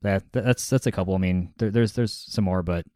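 A man's voice: low-pitched, brisk, mellow, dry recording, clean studio sound. A man chatting casually on a podcast, often repeating words as he thinks aloud. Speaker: podcast host.

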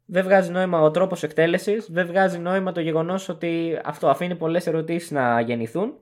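A young man co-hosting a podcast, casually talking through arguments point by point. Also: fairly high pitch. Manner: analytical, lists arguments point by point. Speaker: podcast co-host.

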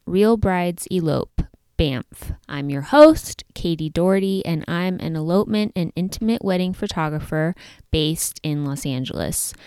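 A woman's voice: fairly low pitch, a little mellow, dry recording. Woman podcast host talking with a retainer. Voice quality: slightly impeded speech from wearing a retainer and braces. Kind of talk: podcast introduction and interview chat.

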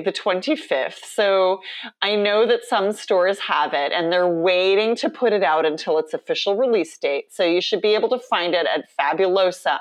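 A woman, an author and drag performer, telling stories as a guest in a casual podcast interview, laughing often. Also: medium pitch. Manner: animated storyteller, laughs often.

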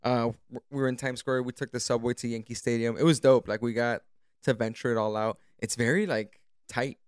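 A man's voice: mid-range voice, fairly even intonation, fairly quick, clear, resonant tone, dry recording, clean studio sound. A man on a podcast in natural, unscripted casual talk, telling stories with slangy, profane enthusiasm. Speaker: podcast guest or co-host.

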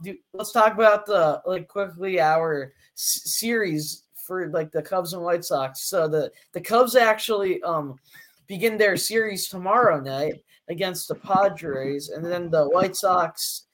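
This is a podcast co-host, a teenage boy whose male voice is high and a bit bright. His casual chat wanders, packed with fillers and false starts.

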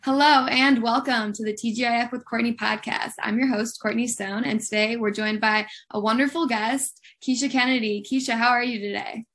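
A woman's voice: a little high, steady tone, moderate pace, hardly any pauses, a bit bright. A woman hosting a podcast, introducing her guest in a bubbly, friendly way. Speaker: podcast host.

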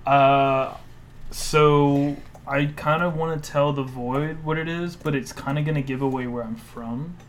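A man co-hosting a podcast in casual, joking chat, teasing and rambling with a deadpan delivery. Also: on the high side, a little slow. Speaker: podcast co-host.

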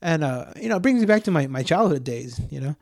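A young man co-hosting a podcast, telling stories in a loose, profane, animated way with plenty of fillers. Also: a little high, quick pace, vocal fry, no room sound, studio quality. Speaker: podcast co-host. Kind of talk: casual storytelling chat.

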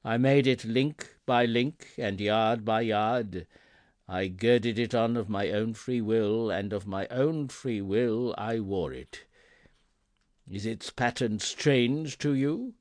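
A man voicing a doomed, mournful male ghost in chains, speaking slowly and solemnly. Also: darkish tone, no echo, studio quality. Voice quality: slow, solemn, booming.

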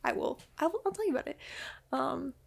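A woman's voice: extremely high pitch, lively intonation, rapid-fire, gravelly, darkish tone. A woman co-hosting a casual film review chat, talking with many hesitations and laughing easily. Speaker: podcast co-host.

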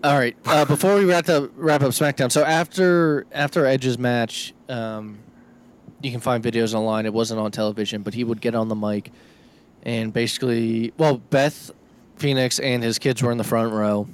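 A man's voice: medium pitch, fairly even intonation, moderate pace. A man hosting a podcast, chatting casually and rambling through a news recap. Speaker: podcast host. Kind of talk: casual chat.

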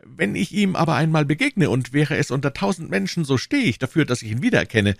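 A man's voice: very animated, quick pace, vocal fry, no echo, studio quality. A man reading an audiobook, voicing a timid, frightened shopkeeper who pleads with his interrogator in a trembling voice. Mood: anxious, pleading. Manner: trembling, pleading, high-pitched. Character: timid frightened middle-aged male shopkeeper under interrogation.

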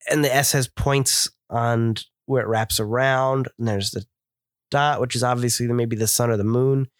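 Enthusiastic male podcast co-host with a head cold, mid-pitched, dry close mic. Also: steady tone, moderate pace, no echo. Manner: chatty, descriptive, enthusiastic. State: stuffed up with a cold. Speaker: podcast co-host reviewing beer. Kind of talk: casual chat.

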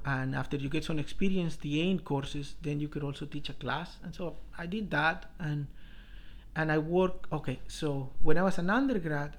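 Colombian-born professor guy, kinda high voice, stops and restarts a lot telling his story. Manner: halting, many restarts and fillers. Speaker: professor, guest. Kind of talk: interview, personal story.

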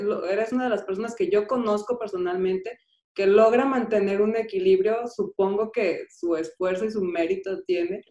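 A woman hosts a podcast and works her way into a question, restarting phrases as she goes. Her voice is mellow and dark, with a noticeable echo from the room around her. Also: mid-range voice. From Mexico. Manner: hesitant, restarting phrases, earnest. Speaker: podcast host. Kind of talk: interview questions. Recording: echoey room.

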